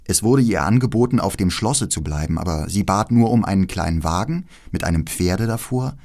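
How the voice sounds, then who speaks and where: A man narrates a fairy tale in a deep-leaning voice. His delivery is expressive, swinging widely in pitch as he tells the story. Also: fairly quick. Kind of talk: fairy tale read aloud.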